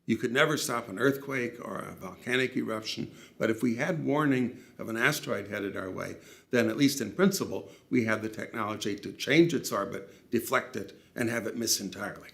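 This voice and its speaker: A man speaking as an expert interviewee, explaining in a measured, slightly halting way. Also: fairly low pitch, vocal fry, a bit bright.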